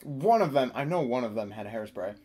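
A man's voice: medium pitch, fairly quick. Giggly young man telling a story. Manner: animated, giggly, swears freely, vivid impressions of friends. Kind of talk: casual anecdote telling.

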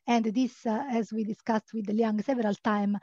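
A woman's voice: on the high side, fairly even intonation, normal speed, dark tone, no room sound, highs cut off. A woman answering a question during a video-call Q&A, hesitating often with many fillers. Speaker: conference speaker answering a question. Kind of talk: Q&A discussion over a video call.

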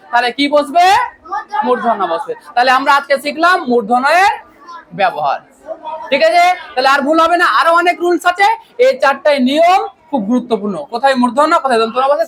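Teacher, high voice, patient question-and-answer drilling. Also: fairly bright tone. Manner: asks questions and answers them, praising with "very good". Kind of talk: Bengali grammar lesson.

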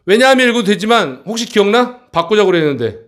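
A man teaching an English textbook passage to middle school students in a classroom, often checking in with quick questions. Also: high voice, sing-song, a bit bright.

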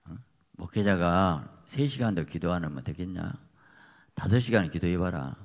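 A man preaching a fiery sermon as pastor, emphatic, swinging from quiet asides to shouted peaks. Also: sits low, animated, moderate pace. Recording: long reverb of a church hall.

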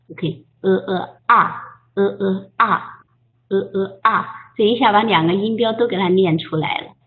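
A woman teaching English pronunciation in an online group lesson, patiently coaching and modeling sounds slowly. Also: mid-range voice. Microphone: voice chat. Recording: tinny phone-like line.

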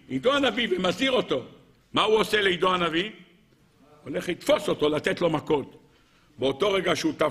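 A man, a rabbi, preaching a lesson as lively storytelling, with a husky voice, acting out quotes with sudden loud cries. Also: fairly high pitch. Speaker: rabbi giving a weekly Torah lesson. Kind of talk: animated sermon storytelling.

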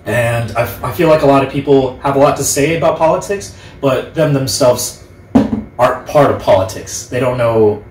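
A young man in his twenties chatting casually as host, earnest and halting in the way he talks. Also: medium pitch. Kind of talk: casual group chat. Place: living room, on a couch. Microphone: distant camera microphone. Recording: roomy, distant camera mic, background noise.

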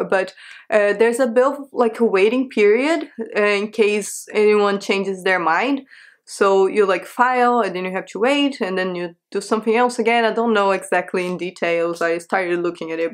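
A young woman from Brazil, talking candidly to camera in a small bedroom, with frequent rhetorical questions. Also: medium pitch. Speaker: vlogger. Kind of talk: casual talk to camera. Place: small bedroom with a sofa, indoors.

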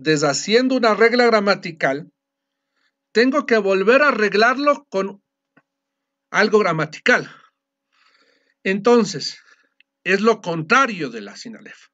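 High-voiced man teaching a class. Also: a bit bright. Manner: explanatory, often checks understanding with a quick question. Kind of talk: classroom lecture. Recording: dull lo-fi recording.

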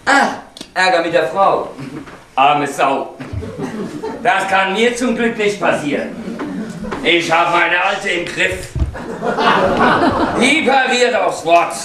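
A man's voice: animated, takes it slowly, long pauses, distant mic, noisy background. A stage actor playing a henpecked husband who whines to his wife and brags on the phone, in a live stage comedy. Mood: boastful. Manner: wheedling to his wife, swaggering on the phone, sudden pitch leaps. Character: blustering henpecked middle-aged husband, boastful behind his wife's back. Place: theater stage. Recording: roomy theater stage miked from afar.

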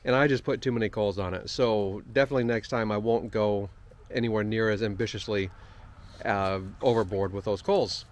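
Relaxed man chatting by a fire. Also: lowish voice, fairly quick. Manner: relaxed, talkative, reflective. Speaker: farm vlogger co-host. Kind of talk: casual outdoor cooking vlog. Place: outdoors by a fire pit on a farm.

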